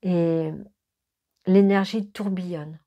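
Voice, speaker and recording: Slow, hesitant woman telling a ghost story. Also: on the low side, fairly even intonation, dull audio. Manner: hesitant, many fillers and self-corrections, dramatic pauses; drops to a hush for quoted whispers. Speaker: medium telling her experiences.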